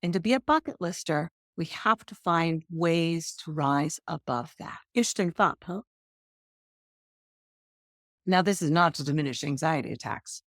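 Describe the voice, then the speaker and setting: A woman talks at normal speed in a clean studio with no room sound, hosting a podcast built on a personal storytelling monologue. Her tone is chatty and self-deprecating, with animated pitch jumps.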